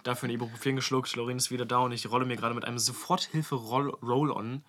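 A young man chats as a podcast co-host, with a bright, forceful edge to his voice. He tells stories in a loose, slangy way and slips quickly into acted-out quotes. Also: medium pitch. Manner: animated, slangy storytelling, acts out quotes loudly. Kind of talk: casual podcast chat, storytelling.

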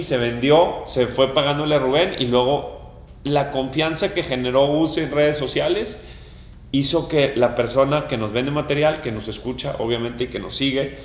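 A man hosting a casual podcast, talking emphatically and repeating key words for stress. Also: mid-range voice. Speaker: podcast host. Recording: roomy echoing room.

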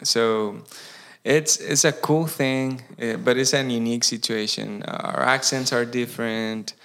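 Unhurried and steady, this man's medium-pitched voice has a fairly bright tone. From Costa Rica and carrying a Costa Rican Spanish accent, he's a campus pastor recounting his story in a relaxed interview, speaking earnestly and restarting phrases as he searches for words in English.

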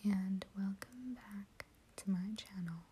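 A woman hosting her own channel, reading a short story aloud in a soft, steady whisper. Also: mid-range voice, slow pace, slight background noise.

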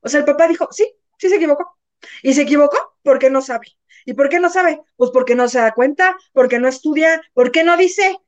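Slightly dull, lo-fi audio captures a high-voiced Mexican woman talking fairly quickly as she hosts a casual gossip session. She's an animated storyteller who acts out quotes and swears offhandedly.

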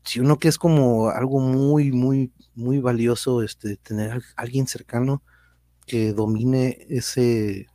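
A middle-aged man with a Mexican accent, chatting casually on a live stream. His voice is mellow and warm, recorded close and dry with no room sound. He greets viewers by name and sprinkles in slang. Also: mid-range voice, steady tone, takes it slowly, no echo. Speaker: podcast host and teacher.

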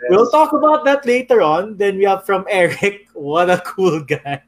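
A man's voice: high-pitched, moderate pace. A young man from the Philippines hosting a livestream chat, teasing his guest and reading out viewer comments. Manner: teasing, animated. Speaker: host.

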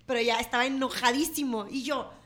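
A woman's voice: fairly high pitch, a little fast. A young Mexican woman with a Mexican Spanish accent, telling a party story in casual chat and laughing often. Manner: laughing, lively anecdote telling.

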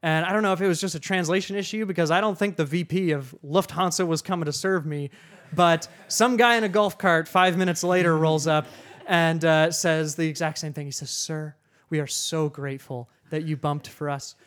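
A man hosting a podcast, telling a travel story to a live audience in an animated way, getting loud when he quotes himself. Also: on the high side, brisk. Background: audience laughter.

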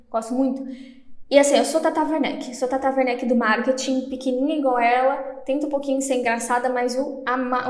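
A young woman from Brazil, hosting a solo podcast. She talks fast, stumbles over words and jokes about her own diction. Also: high-pitched. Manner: fast-talking, self-deprecating, trips over words. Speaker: podcast host. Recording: echoey room.

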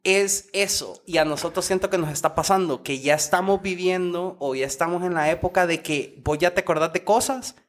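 A man's voice: high voice, a little fast, hardly any pauses. Rambling young man. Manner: loose and rambling, slangy, with many restarts. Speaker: podcast co-host. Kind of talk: casual chat.

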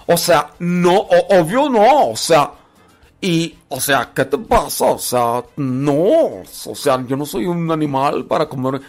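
A man's voice: on the high side, animated, slow. A man with a Mexican Spanish accent voicing a snobbish, stuck-up young man who haughtily scorns humble food and keeps repeating "o sea". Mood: scornful.

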